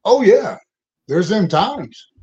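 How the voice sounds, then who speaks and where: A man's voice: high voice, sing-song, slow pace, darkish tone. A man calling in over the phone, chatting easily and agreeing with the host. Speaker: call-in guest. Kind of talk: casual chat. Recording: tinny, distant phone line.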